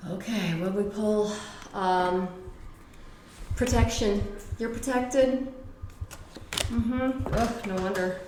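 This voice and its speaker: A woman's voice: medium pitch, steady tone, takes it slowly, a little mellow, echoey room, a little hiss or hum, rough recording. A middle-aged woman giving a casual tarot reading, blunt and profane, with emphatic repetitions. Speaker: tarot reader.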